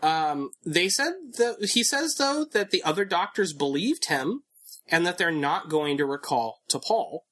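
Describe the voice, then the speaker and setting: A man talking casually as a podcast co-host, his voice bright and a little tense, pitched somewhat high. He thinks aloud, rambling through restarts and fillers. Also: lively intonation, a little slow. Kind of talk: casual chat.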